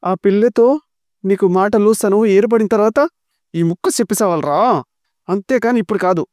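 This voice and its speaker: A man voicing a quick-tempered village woman who scolds and calls names in a shrill voice. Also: darkish tone, no echo, studio quality, natural voice. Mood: scolding. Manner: shrill, scolding, name-calling.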